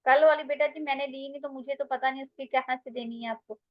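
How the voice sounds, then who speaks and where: A woman's voice: sits high, steady tone, fast, highs cut off. A woman with an Indian English accent teaching English grammar in an online class, mixing Hindi and English and calling her students "beta".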